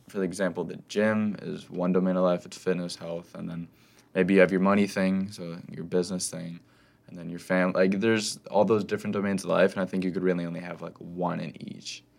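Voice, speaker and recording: A man's voice: low voice, level tone, moderate pace, creaky. A young adult man co-hosting a casual podcast in a garage, talking in an informal, bro-ish way. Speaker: podcast co-host.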